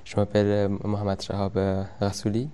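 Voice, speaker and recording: A man's voice: lowish voice, completely flat delivery, warm tone, clear, resonant tone. Stuttering young man. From Afghanistan. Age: young adult. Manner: stutters, many repeated words and pauses. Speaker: interviewee. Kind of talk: testimony interview.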